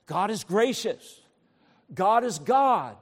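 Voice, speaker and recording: A man's voice: sits high, big pitch swings, slow, in a large hall. A man preaching a sermon as pastor, acting out grumbling voices and switching between muttering and raised preaching.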